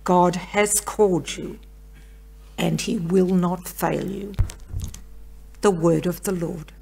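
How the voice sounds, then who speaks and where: An older woman reads scripture as a lay reader at Mass. Her voice is creaky and her pace slow, spoken into a lectern microphone in a church. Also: fairly low pitch, fairly even intonation, a little mellow. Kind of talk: scripture reading. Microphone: gooseneck lectern microphone.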